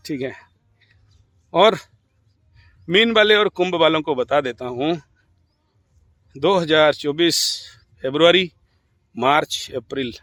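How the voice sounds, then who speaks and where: A man giving an informal astrology talk in Hindi-accented speech, rambling and animated, laughing at his own stories. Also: fairly high pitch, slow, long pauses, no room sound. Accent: Indian Hindi.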